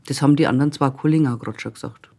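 A woman's voice: extremely low pitch, rapid-fire, dark tone, husky. A middle-aged woman, telling work anecdotes in a podcast interview in a blunt, matter-of-fact way. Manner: blunt, matter-of-fact storyteller who acts out dialogue. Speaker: transit service staff member.

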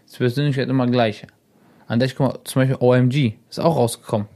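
Young man, radio guest, animated storyteller, acts out quotes, casual chat. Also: mid-range voice, quick pace.

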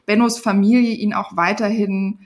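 A woman who wrote a children's book, chatting lively with a frequent laugh and reading from her story. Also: mid-range voice, moderate pace. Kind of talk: interview chat and reading aloud.

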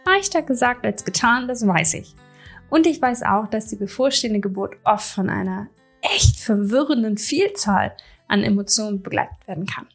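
A woman's voice: mid-range voice, animated, moderate pace, vocal fry, soft background music. A woman in her thirties hosting a podcast interview, chatty and addressing her listeners directly. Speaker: podcast host.

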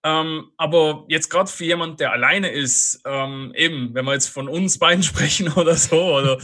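A man from Switzerland with a Swiss German accent, talking as a podcast guest. His voice is bright and slightly higher than most men's. He speaks loosely, with many fillers and frequent laughter. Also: normal speed. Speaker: guest, online marketer. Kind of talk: casual podcast interview.

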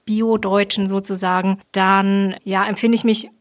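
A woman in her thirties speaks as a podcast guest. Her pitch sits in the middle range. She talks thoughtfully and often pauses to find the right word. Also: little pitch movement. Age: 30s. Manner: thoughtful, searching for words. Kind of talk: casual podcast chat.

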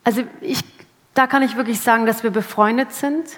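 Actress woman chatting in an interview, quick to laugh and joke about herself, hall echo. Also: fairly high pitch, fairly even intonation. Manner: laughing, self-deprecating humor. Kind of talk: casual interview talk. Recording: long hall reverb.

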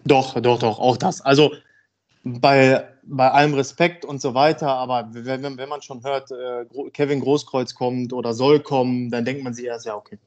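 A man in his thirties from Germany, a football player talking frankly and a bit haltingly as a podcast guest. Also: mid-range voice, flat delivery, a little mellow. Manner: frank, rambling, hesitant. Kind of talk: casual podcast interview.

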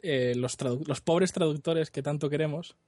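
A man's voice: a little high, moderate pace, darkish tone, dry recording, soft background music. Joking Spanish man with a dry sound. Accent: Spain Spanish. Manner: jokey, reads out lines in mock foreign accents between laughs. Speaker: podcast co-host. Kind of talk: casual comedic chat.

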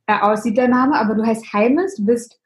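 A woman's voice: a little high, moderate pace, a little mellow, soft background music, low-quality recording. A woman hosting a career podcast, introducing her guest and asking friendly questions. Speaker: podcast host. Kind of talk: podcast interview.

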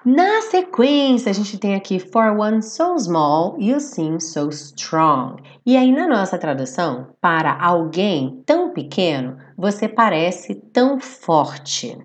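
A woman with a Portuguese first language teaches an English lesson live, and her voice moves through a wide, animated pitch range. She explains each point patiently and keeps asking her viewers whether they follow. When she reads English song lines, she slows right down. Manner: explanatory, checks in with "certo?" and "tá bem?"; reads English lyrics slowly and deliberately. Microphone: computer setup with phone beside.

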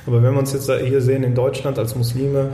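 Man in a roomy echo, dark tone. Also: mid-range voice, level tone. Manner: halting, many fillers and restarts. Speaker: podcast co-host. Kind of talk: casual discussion.

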